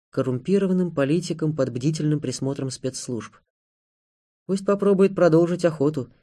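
A man narrating an audiobook in a measured, dramatic reading. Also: fairly high pitch, warm tone. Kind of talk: scripted narration.

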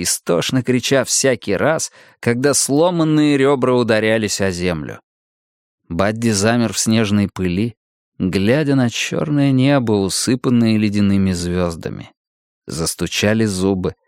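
A man's voice: medium pitch, no echo, clean studio sound. Man reading a horror tale. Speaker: audiobook narrator. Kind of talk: scripted horror narration.

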